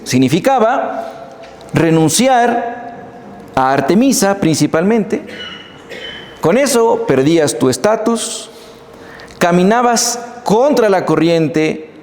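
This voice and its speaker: A man preaching a sermon in a church, telling the story with animated emphasis and speaking straight to the congregation. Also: fairly high pitch, creaky. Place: church hall. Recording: echoey church hall.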